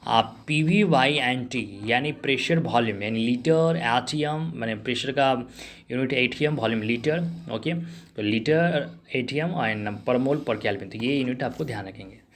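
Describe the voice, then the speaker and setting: A man's voice: medium pitch, measured pace. A male chemistry teacher giving a revision lesson, explaining step by step and asking the class rhetorical questions. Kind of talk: revision lesson in Hindi-English mix.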